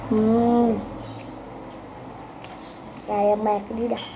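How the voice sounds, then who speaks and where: A woman's voice: on the high side, level tone, drawn-out words. A woman chatting casually to viewers while eating in a mukbang vlog. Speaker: mukbang vlogger. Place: busy home with many people. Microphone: built-in device mic, no separate microphone. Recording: clear household noise behind the voice. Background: household noise, clinking cutlery and dishes.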